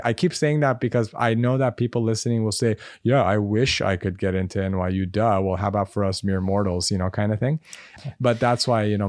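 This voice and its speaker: A man's voice: low-pitched, darkish tone, dry recording, studio quality. An American man, a medical school admissions advisor, answering interview questions in a conversational way with many fillers. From United States.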